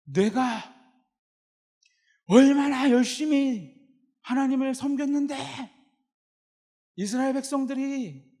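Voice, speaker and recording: A preacher voicing a self-pitying, defiant prophet in a strained, pleading tone. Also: male voice, very high-pitched, takes it slowly, pauses often, dark tone, pitched above the performer's own voice. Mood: aggrieved.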